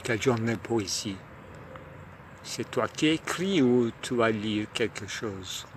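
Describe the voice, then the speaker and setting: A man musing aloud in a rambling monologue, hesitant and full of pauses and fillers, outdoors near a tunnel. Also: lowish voice, animated. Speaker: lecturer. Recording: loud traffic noise behind.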